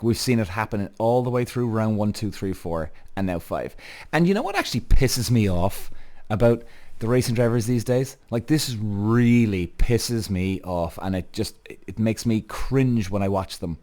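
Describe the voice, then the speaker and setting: A man's voice: lowish voice, darkish tone. Sweary, opinionated man with a Cork Irish accent. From Cork, Ireland. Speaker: show host. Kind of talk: casual motorsport commentary to viewers.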